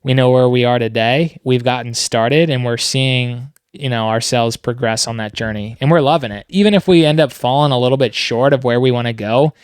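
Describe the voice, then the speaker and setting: A man's voice: mid-range voice, fairly quick, few pauses, smooth, dry recording, clean studio sound. A man co-hosting a casual business podcast, speaking in an earnest, motivational way. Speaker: podcast co-host.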